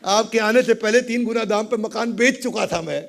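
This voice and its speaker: A man's voice: high-pitched, normal speed, vocal fry. A man giving a motivational talk who tells stories dramatically and acts out the voices of the people in them. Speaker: motivational speaker.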